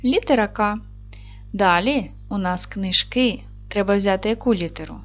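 A woman teaching a recorded lesson to young schoolchildren. She speaks slowly and carefully, asks questions, pauses, and then answers them herself. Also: mid-range voice, lo-fi sound. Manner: slow, careful, clearly spelled-out speech. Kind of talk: video lesson for young children.

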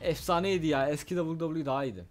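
Young man, gaming commentary, high voice, excitable, shouts and trash talk. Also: fast, faint music behind. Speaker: gaming YouTuber. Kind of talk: casual Let's Play commentary.

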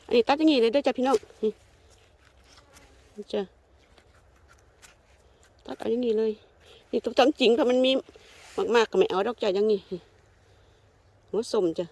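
Older thai lady w isan accent, bit high voice, chatting to viewers while picking stuff in the forest. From Thailand. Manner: chatty, warmly addresses viewers as kin, sweet polite endings. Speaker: vlogger. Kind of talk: casual narrating vlog while foraging. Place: forest outdoors.

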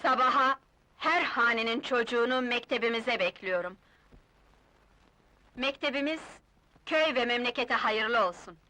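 A kind, idealistic village schoolteacher in an old film melodrama. Her voice is fairly high and forceful, with earnest, carefully declaimed phrases. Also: normal speed, pauses often, a little hiss or hum, rough recording. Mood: earnest, resolute.

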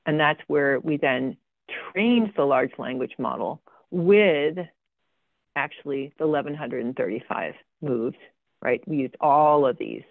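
A woman's voice: low voice, a little slow, no room sound. A woman giving a slide presentation about her research. She talks with frequent ums and dry, sarcastic asides. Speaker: guest speaker presenting research. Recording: tinny phone-like video call audio, dry.

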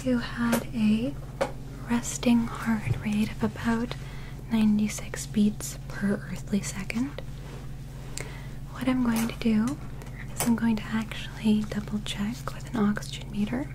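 In a soft, whispered ASMR roleplay, a woman in her twenties plays an alien examiner conducting a gentle, methodical medical exam. Her mid-range voice stays close to the mic and reassuring, though the background is noisy.

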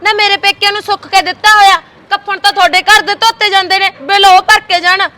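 A woman with a Punjabi accent acting a sharp-tongued, quarrelsome village wife in a comedy short film. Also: extremely high pitch, steady tone, fast. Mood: angry. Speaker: actor playing a quarrelsome wife.

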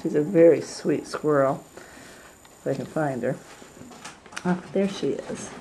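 A woman who rehabilitates squirrels, chatting gently on a casual video tour of an indoor room full of cages, recorded on a handheld camera mic. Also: low-pitched, slow pace, a little hiss or hum, rough recording. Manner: gentle, chatty, coos at animals.

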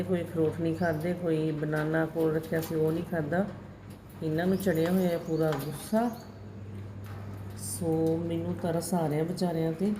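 A woman talks casually in a vlog, coaxing and calling her pet birds in a sing-song voice. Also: deep voice. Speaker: vlogger. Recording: echoey room with faint background noise.

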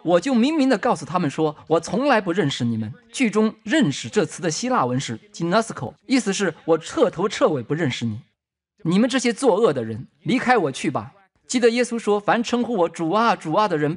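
A man preaching a sermon in an impassioned, emphatic way, swinging between loud declarations and hushed asides. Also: high voice, husky. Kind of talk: sermon teaching.

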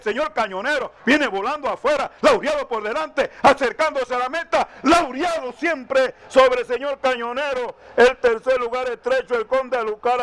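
A man commentates a race live in the manner of a motorsport announcer. His voice is high and clean, with a narrow, chanting range as he runs through positions. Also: a bit bright. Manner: announcer's running call of positions.

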